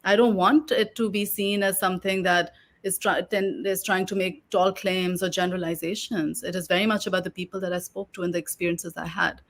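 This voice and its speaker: A woman author and oral historian answering interview questions in a measured, reflective way, slightly hoarse and pausing with fillers. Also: lowish voice, steady tone. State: losing her voice.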